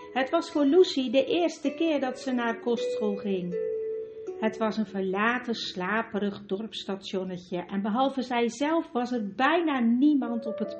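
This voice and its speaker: High-voiced woman reading a storybook. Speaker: narrator. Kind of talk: storybook narration. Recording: dull recording with music behind.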